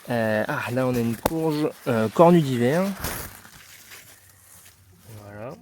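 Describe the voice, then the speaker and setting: A man from France, mid-pitched, talks through a casual tour of his vegetable garden, full of hesitant fillers and self-deprecating asides. He films outdoors on a handheld phone, with a faint hum of outdoor noise behind him. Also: takes it slowly, a little mellow. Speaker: gardening vlogger. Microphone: handheld phone camera. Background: neighbours' party.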